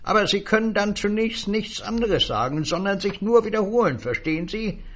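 A man's voice: animated, moderate pace, a bit bright, muffled recording. A man putting on a sneering little word-peddler. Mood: sly. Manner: high, sly, sneering. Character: mocking, eerie little male word-seller.

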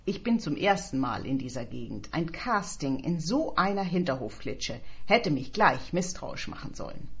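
A woman's voice: deep voice, big pitch swings, normal speed, few pauses, slightly rough, dull audio, exaggerated voice. A woman voicing a tired, bitter middle-aged man who answers in a grumbling, weary way.

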